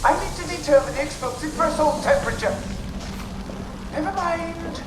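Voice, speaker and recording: A woman playing a brisk, bossy female laboratory scientist in a video game, giving terse commands. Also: high-pitched, natural voice. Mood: brisk, commanding. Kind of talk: video game character dialogue. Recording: echoey room, noisy ambience.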